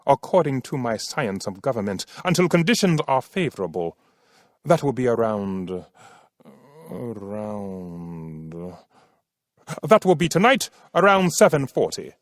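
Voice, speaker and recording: A man's voice: mid-range voice, big pitch swings, a little slow, no room sound, clean studio sound. A pompous old king. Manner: commanding, pompous, sputtering. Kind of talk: audiobook drama.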